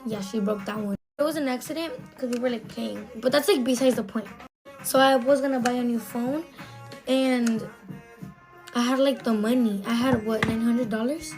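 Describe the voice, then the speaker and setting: A woman's voice: a little high, steady tone, normal speed, darkish tone, faint music behind. A young woman telling a casual, gossipy storytime, full of "like". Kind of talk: storytime vlog.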